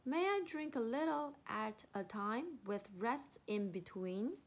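A woman's voice: on the high side, animated, takes it slowly, exaggerated voice. A woman voicing a tiny, polite, clever male monkey in a storybook. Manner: small, polite, sure of himself.

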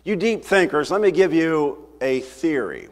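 An older man preaching a sermon from a church pulpit, talking to the congregation in a conversational, animated way. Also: a little high, a little slow. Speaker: pastor. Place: church sanctuary, at a wooden pulpit. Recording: roomy hall reverb from the sanctuary.

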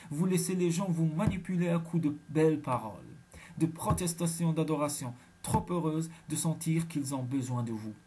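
A hot-tempered, overbearing husband in a romance storybook, lecturing forcefully, as a male narrator puts him on. His voice is slightly husky and fairly high for a man. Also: moderate pace. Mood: angry.

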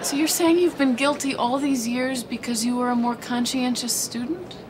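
An American actress playing an exasperated, teasing but loyal young wife in a sitcom, blunt and challenging. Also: female voice, sits high, normal speed, natural voice. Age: 30s. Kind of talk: sitcom acting. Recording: noisy 1990s TV sitcom soundtrack.

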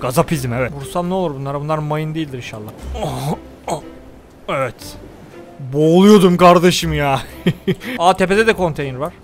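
A young gaming YouTuber's brisk, higher-pitched voice carries over soft background music. He jokes through a survival game, tells viewers what he's doing, and noisily scolds the game in comedic let's-play style.

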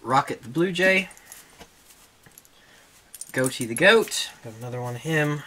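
With an expressive, mid-range voice that is bright, forceful, and a little slow, a man walks through his toy collection at home for a casual video. He chuckles, is easily sidetracked, and chats with his dog between items.

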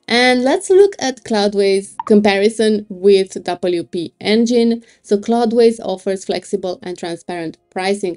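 Slow, mellow woman reviewer. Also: mid-range voice. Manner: unhurried, thinking aloud, small laughs. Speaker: web hosting reviewer. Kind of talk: screen-recorded product walkthrough. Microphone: voice-over on screen recording.

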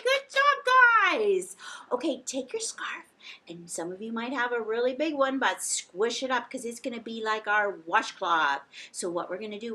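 A middle-aged woman with a high voice leads a sing-along storytime for young children as a children's library host. Animated and encouraging, she shifts between singsong verses and simple directions. The setting is an indoor lounge with a couch and fireplace.

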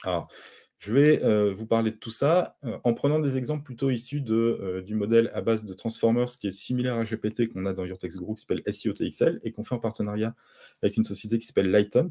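A man with a dark, mellow voice presents at a conference, walking through his slides. He explains things patiently, often pausing and restarting his sentences. He sounds middle-aged, a native French speaker lecturing to an audience. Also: medium pitch. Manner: explanatory, with frequent hesitations and restarts.

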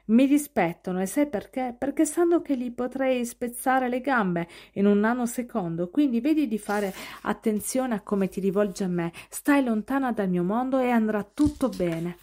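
Woman reading as an arrogant teenage boy, menacing, condescending, storybook, mellow voice. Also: a little high, animated, normal speed, hardly any pauses, voice pushed up, natural voice.

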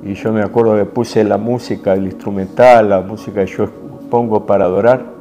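A man with a Rioplatense Spanish accent preaching a sermon in an intimate, emotional way, moving from soft hushed passages to forceful rises. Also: on the low side, fairly even intonation, moderate pace, soft background music. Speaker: apostle preaching.

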